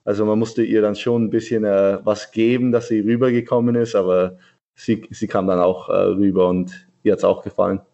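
Young man, low flat voice over lo-fi call. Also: gravelly. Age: young adult. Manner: plain, a bit halting. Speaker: guest, athlete living in the USA. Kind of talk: remote interview answers. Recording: dull lo-fi remote audio.

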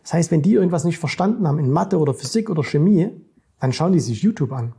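Gravelly, husky man talking straight to camera. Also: a little high, animated, fast talker, mellow. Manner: direct, keeps addressing the viewer with "ne?" and "So.". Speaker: finance and stock-market coach. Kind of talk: casual monologue to camera.

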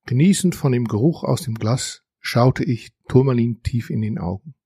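Gravelly older Dutch-accented storyteller. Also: male voice, medium pitch, moderate pace, no room sound, clean studio sound. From Netherlands. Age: 60s. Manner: calm, wry first-person storytelling. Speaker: author and narrator. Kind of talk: storybook reading.

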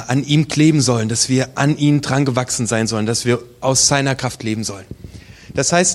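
A man preaching a sermon, telling the story in a casual, colloquial way with personal asides. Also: medium pitch.

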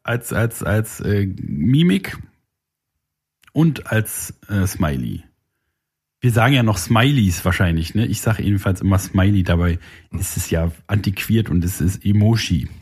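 Husky playful man chatting. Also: fairly low pitch, lively intonation, measured pace, a little mellow. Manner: playful, joking, breaks into silly sounds. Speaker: podcast co-host. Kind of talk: casual comedic chat.

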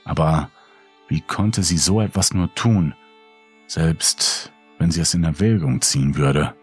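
A man reading a scripted horror story in a dark, measured way. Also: a bass voice, breathy edge, soft background music. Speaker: narrator.

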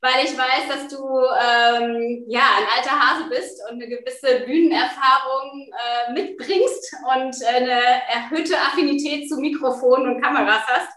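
A woman's voice: sits high, fairly even intonation, unhurried, few pauses, a bit bright. Female podcast host, hesitant delivery, recorded in a roomy space. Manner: hesitant, many fillers. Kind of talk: podcast interview.

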